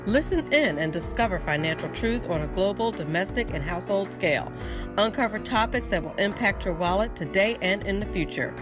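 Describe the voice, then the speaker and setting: A woman with a mid-pitched voice reads a scripted radio promo as the show's host. Music plays clearly underneath her. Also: animated, brisk. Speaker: finance radio show host. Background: prominent promo music.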